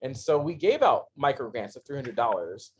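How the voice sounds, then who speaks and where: A man in his thirties, a guest on a podcast, telling his story in a casual interview, laughing often and swinging between excitement and quiet earnestness. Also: medium pitch, moderate pace, slight background noise. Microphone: podcast microphone.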